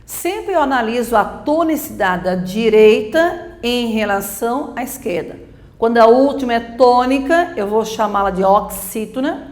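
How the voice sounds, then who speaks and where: A woman teacher explains grammar step by step, putting questions and then answering them herself. Her voice sits fairly high. The room is echoey. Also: expressive, measured pace, darkish tone. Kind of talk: grammar lesson for exam prep.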